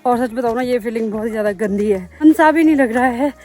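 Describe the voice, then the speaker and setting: A woman's voice: on the high side, fast talker, darkish tone. A young woman, vlogging outdoors in her mountain village and chatting straight to the camera. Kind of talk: casual vlog narration.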